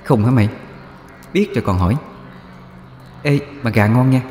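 A man voicing the sly, mocking ghost of a young woman in an audio ghost story, speaking softly. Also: medium pitch, moderate pace, reverberant, in a large hall, a little hiss or hum, pitched above the performer's own voice, close to an everyday voice. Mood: sly, taunting. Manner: taunting, soft and sly.

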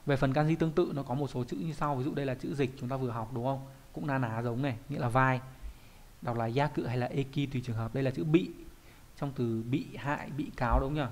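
A man, a Japanese teacher explaining kanji in an online lesson, often asking questions and answering them himself. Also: medium pitch.

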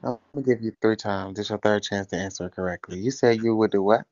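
A man's voice: lowish voice, quick pace, a little mellow, no echo, muffled recording. A man from Mississippi, hosting a livestream with crude, teasing, swear-heavy banter. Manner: brash, teasing, swears a lot. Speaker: livestream host.

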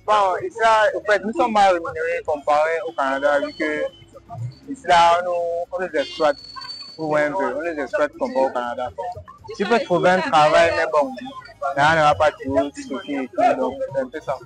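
A man's voice: fairly high pitch, normal speed, poor audio. A young man, answering casually and loosely in a shop. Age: young adult. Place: indoors, shop. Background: clear music.

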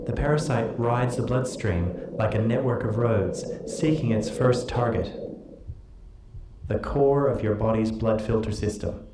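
Low, mellow male documentary narrator. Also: measured pace, a little hiss or hum. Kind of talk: scripted narration. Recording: roomy playback through hall speakers.

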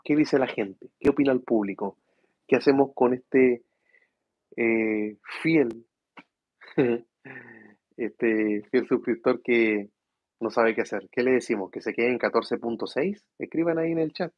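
A tired man, hosting a casual tech livestream from home and speaking softly so his sleeping kids don't wake. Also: mid-range voice, unhurried, slightly rough, no room sound, dull audio. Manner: speaks softly to avoid waking his children. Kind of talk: casual live chat reading viewer questions. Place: room at home at night.

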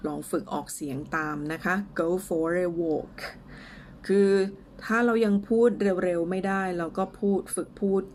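A Thai woman teaching English in a casual lesson, speaking slowly and carefully as she drills pronunciation, with a few fillers. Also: fairly low pitch, slight background noise.

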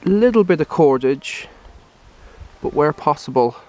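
A man giving a relaxed, explanatory walkthrough of his camp on a wooded hillside, recorded on a handheld camera. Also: on the high side, a little slow. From Ireland. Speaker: bushcraft instructor. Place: hillside woodland outdoors.

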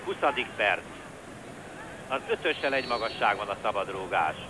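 A man's voice: lowish voice, animated. A man giving live football commentary in a conversational way, with clipped calls of players' names. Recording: noisy old TV broadcast, stadium ambience. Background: stadium crowd noise.

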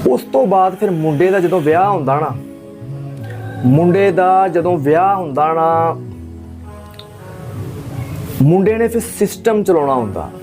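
Speaking a little slowly with long pauses, a Pakistani religious speaker delivers a fervent talk in a fairly high male voice. Rhetorical questions and emphatic repeated phrases drive it, over faint, soft background music.

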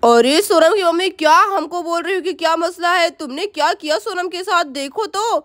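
A woman's voice: very high-pitched, normal speed, a bit bright, no echo. A woman voicing a good-humoured village father in a doll story, teasing and joking.

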